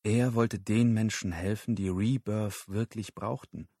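A man narrating an audiobook in a steady, measured storytelling voice. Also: fairly low pitch, no echo, clean studio sound.

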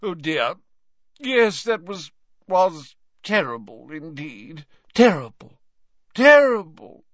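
A man voicing a pompous, tipsy, weepy old male potions master in a storybook reading, with a high, warbling, fluttery voice that drops to a hush when he is upset. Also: sing-song, slow pace, no echo, highs cut off, heavily acted. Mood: flustered. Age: older.

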